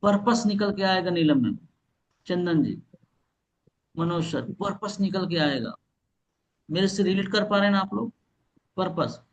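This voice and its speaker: A man whose voice sits high speaks at a measured pace with long pauses, the video call audio sounding lo-fi. In this live online sales training he covers calling old leads, acting out both roles and using repeated questions as examples.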